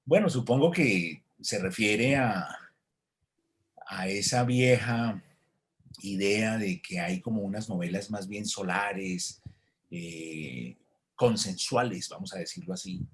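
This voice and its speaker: A man's voice: lowish voice, big pitch swings, takes it slowly, creaky. A man, an author answering interview questions in a reflective way, with hesitations and restarts, over a video call. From Colombia. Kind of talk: thoughtful conversational answer.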